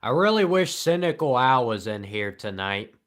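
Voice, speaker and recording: This live streamer handles his chat with flat, sarcastic, deadpan replies and long pauses in between. His voice is medium in pitch.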